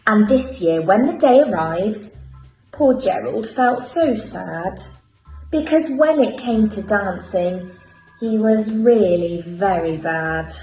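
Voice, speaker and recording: Woman teacher reading a kids story, expressive, faint music behind. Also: medium pitch, reverberant, rough recording. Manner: clear, expressive, unhurried storytelling. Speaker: primary school teacher. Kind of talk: reading a picture book aloud to children.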